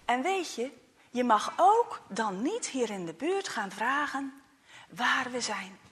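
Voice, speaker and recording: A woman's voice: a little high, big pitch swings, slow, fairly bright tone, breathy edge, full character voice. A woman voicing a worried, loving father who speaks earnestly and insistently to his son.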